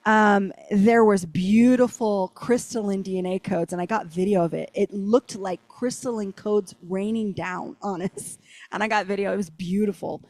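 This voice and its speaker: A woman's voice: medium pitch, moderate pace, no room sound. A woman telling a rambling personal story as an interview guest, with lots of "like". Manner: animated, rambling, heavy use of "like". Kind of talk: casual storytelling.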